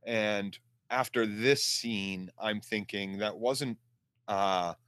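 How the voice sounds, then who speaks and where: Lower-voiced man co-hosting a casual show. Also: slow pace, fairly bright tone, smooth, no room sound, studio quality. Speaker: podcast co-host. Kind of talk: casual discussion.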